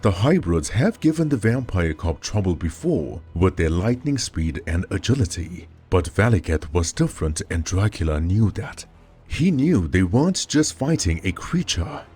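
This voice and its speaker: A man narrating a scripted horror story as storyteller, with dramatic, expressive delivery. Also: low-pitched, measured pace, breathy edge, faint music behind.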